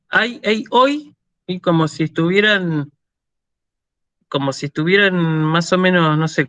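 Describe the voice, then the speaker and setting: Slow, patient Argentine man lecturing. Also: a little high, fairly bright tone, no room sound. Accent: Argentine Spanish. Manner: patient, repeats and checks in with "¿sí?"; slow and deliberate with many fillers. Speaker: university lecturer. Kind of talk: online lecture.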